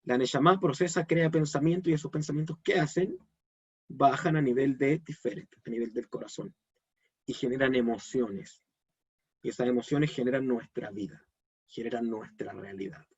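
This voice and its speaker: A Kabbalah teacher gives a live online lesson, explaining things step by step and asking his audience questions to check in. His voice is medium-pitched and slightly rough, at a normal speed, and the audio is dull.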